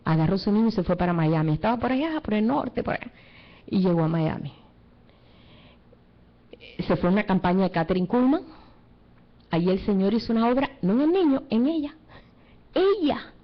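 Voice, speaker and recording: A woman's voice: medium pitch, animated, brisk, long pauses, dull audio. A middle-aged woman preacher giving an emotional testimony in a sermon, acting out the voices of the people she quotes.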